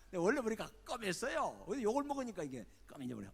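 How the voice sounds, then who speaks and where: Husky, animated older male pastor. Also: high voice, fast. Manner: lively storytelling, acting out the people in his stories. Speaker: retired senior pastor. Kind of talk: sermon. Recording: long church-hall reverb.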